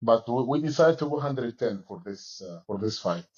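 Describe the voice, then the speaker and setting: A man in his forties from Egypt, a fighter and coach, answering interview questions in halting English with many restarts, speaking from a gym locker room. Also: mid-range voice, animated, a little mellow, breathy edge, muffled recording. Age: 40s.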